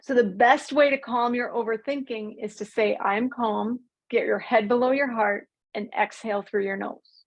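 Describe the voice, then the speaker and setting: A woman teaching an online mindfulness class, speaking calmly and drawing out key words slowly. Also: fairly high pitch, dull audio. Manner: calm, slows and stretches key words. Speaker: mindfulness coach.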